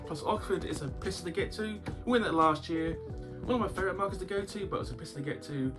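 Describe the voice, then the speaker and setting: A high-voiced man talks fast as he hosts a relaxed YouTube vlog on game collecting, guitar music in the background. Sucking a cough sweet for his sore throat, he rambles wryly and chuckles often.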